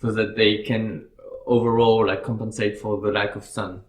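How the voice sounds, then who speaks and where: A man with a French accent, a podcast guest talking casually and explaining things in a measured way, with frequent fillers. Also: fairly low pitch, flat delivery, roomy sound. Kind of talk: casual chat.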